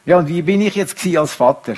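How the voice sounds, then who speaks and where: A middle-aged man delivers a sermon. His voice is husky and sits fairly high. He swings between soft, musing lines and raised, emphatic points. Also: quick pace. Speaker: preacher.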